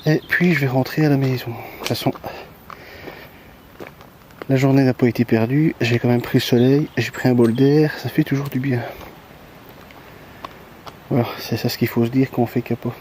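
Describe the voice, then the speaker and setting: A man's voice: medium pitch, steady tone, moderate pace, long pauses, a little mellow, a little hiss or hum, rough recording. A man talking casually outdoors by the water after a fishing trip, rambling with many hesitations and a resigned tone. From Belgium. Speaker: fishing vlogger.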